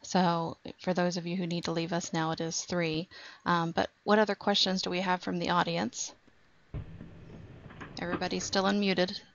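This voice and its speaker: A woman's voice: on the low side, flat delivery, moderate pace. A woman moderating a webinar question session, polite and mindful of the time. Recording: slightly dull lo-fi audio.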